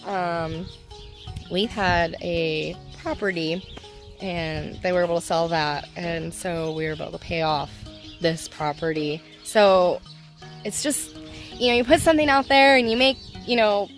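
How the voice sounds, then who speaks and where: A woman talks through a casual vlog from her homestead garden, rambling and emotional, with frequent laughter. Her voice sits at an ordinary middle pitch. Soft music plays faintly underneath. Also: steady tone, unhurried. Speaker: homestead nursery owner.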